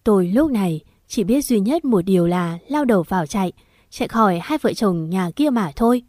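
A woman narrating a scripted first-person horror story in a steady, emotional storytelling manner. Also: mid-range voice, brisk, no room sound, clean studio sound.

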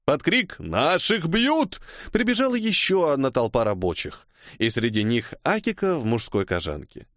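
Animated male audiobook narrator. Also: mid-range voice, moderate pace, no echo, clean studio sound. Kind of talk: scripted first-person audiobook narration.

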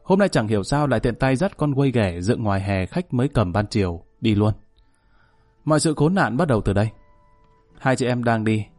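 Brief: male storyteller, mid pitch, casual and wry, dry close sound. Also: lively intonation, a little fast, darkish tone, no echo. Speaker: narrator. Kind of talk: first-person story narration. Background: faint music.

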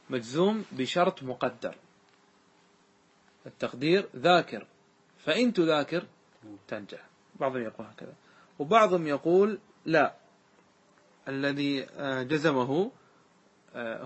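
Husky sheikh teaching grammar. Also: male voice, mid-range voice. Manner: explains step by step, quizzing students and repeating examples. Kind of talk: classroom grammar lesson.

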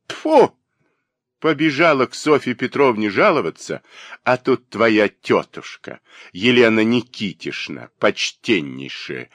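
A man voicing a spiteful, gossiping old spinster woman with a shrill, mocking manner in an audiobook. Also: fairly bright tone, no echo. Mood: scornful.

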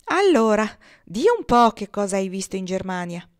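A woman's voice: medium pitch, big pitch swings, normal speed, close to an everyday voice. A woman reading the lines of a flustered hostess who has a slightly heady voice, in an audiobook. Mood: scolding. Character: anxious middle-aged woman hostess, shrill and embarrassed.

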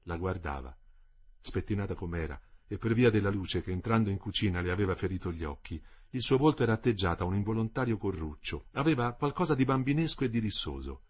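Husky man reading a novel aloud. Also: fairly low pitch. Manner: expressive, measured reading. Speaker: audiobook reader. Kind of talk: literary audiobook narration.

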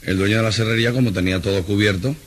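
A man, a guest comedian, telling a stand-up joke on a radio show and acting out the characters as a lively storyteller. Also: on the low side, very fast.

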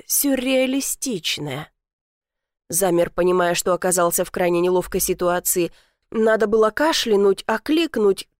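A woman reading a first-person audiobook in a lively, expressive storytelling manner on a close mic. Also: medium pitch, dry recording. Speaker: audiobook reader.

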